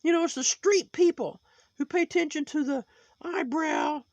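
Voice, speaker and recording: A high, reedy sock puppet with a crackly, gravelly edge lectures on and on, moralizing in a judgmental ramble. The sound is dry and close, with no room around it. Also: male voice, normal speed, darkish tone, no echo. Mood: preachy. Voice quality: high put-on voice.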